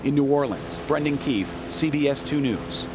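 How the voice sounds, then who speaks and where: A man delivering scripted television news reporting with measured, dramatic emphasis. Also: mid-range voice, expressive, noisy background. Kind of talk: scripted broadcast news narration.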